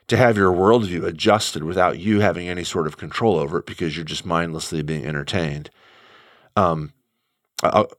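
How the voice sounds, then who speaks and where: A man's voice: sits low, dry recording, studio quality. A middle-aged man talking through ideas as a guest, thoughtful and searching, with frequent restarts. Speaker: guest commentator. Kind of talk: conversational radio talk.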